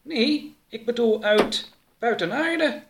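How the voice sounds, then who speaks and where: A man's voice: very high-pitched, slow, noisy background, pitched above the performer's own voice, full character voice. A man voicing a naive male alien visitor in an audiobook, talking in an innocent, literal-minded way. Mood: guileless. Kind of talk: audiobook character voice.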